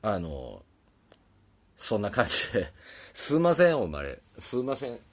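Husky Osaka man, rambling and lively. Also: on the low side, unhurried. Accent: Osaka dialect. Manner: rambling, apologetic, laughs often. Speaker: musician live-streaming. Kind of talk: casual live-stream chat. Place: recording studio.

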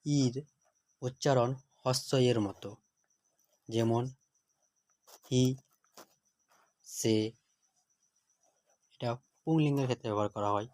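A man teaching a grammar lesson, reading out words one at a time with their meanings in a measured, dictating way. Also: medium pitch, darkish tone, no echo. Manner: measured, word-by-word dictation with translations.

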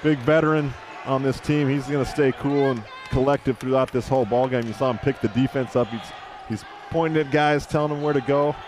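A man's voice: medium pitch, fairly even intonation, brisk, a crowd in the background. A man working as a color commentator, giving conversational basketball analysis and repeating phrases for emphasis. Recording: noisy indoor arena. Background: arena noise, bouncing basketball.

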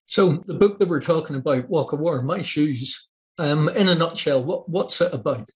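A man's voice: a little high, moderate pace. An Australian man hosting an author interview over a video call from a home office, friendly and asking questions in long run-on sentences. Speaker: interview host. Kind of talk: casual interview. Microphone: video call webcam.

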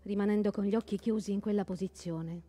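A woman giving a measured staged reading of a literary story. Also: mid-range voice, steady tone, mellow. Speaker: stage reader.

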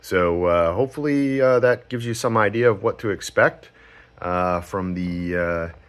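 A man giving a casual, unscripted product demonstration as a radio hobbyist, talking in a halting, informal way. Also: deep voice. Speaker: amateur radio hobbyist reviewer. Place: cluttered indoor radio room at home.

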